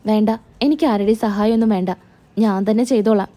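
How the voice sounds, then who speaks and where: A woman's voice: mid-range voice, fast, dark tone, lightly acted. A woman voicing a cold, curt young husband in a spoken recap of a TV serial, talking in a short, dismissive way.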